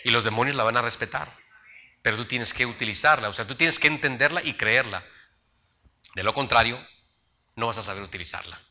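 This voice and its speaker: Middle-aged preacher with a very bright tone, animated storyteller. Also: male voice, mid-range voice, fairly quick, long pauses. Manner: storytelling preacher, acts out voices in his anecdotes. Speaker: pastor. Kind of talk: sermon.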